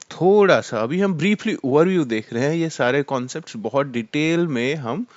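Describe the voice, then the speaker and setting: Teacher slowly explaining Arabic grammar. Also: male voice, medium pitch, dry recording, highs cut off. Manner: explains slowly, mixing in English terms. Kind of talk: classroom lecture.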